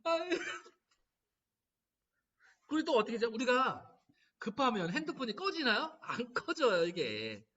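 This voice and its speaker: A man lectures as a laughter therapist, acting out the remarks people make. His voice is high and bright and swings widely in pitch. It is picked up from a distance on a dull, lo-fi recording. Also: measured pace, long pauses. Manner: animated storytelling, acting out quoted lines. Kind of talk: humanities lecture.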